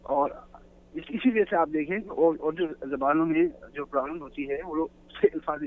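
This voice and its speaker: A man calls in to a talk show over a thin, tinny phone line. His voice sits a little high, and he explains his points earnestly, like a lecturer. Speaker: guest caller. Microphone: telephone.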